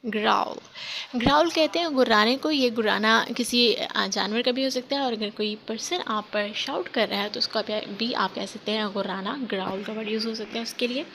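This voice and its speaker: A woman teaching a spoken English lesson in Hindi, drawing out example phrases slowly and often correcting herself. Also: fairly high pitch, gravelly, a bit bright, slight background noise. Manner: slow drawn-out example phrases, frequent self-corrections.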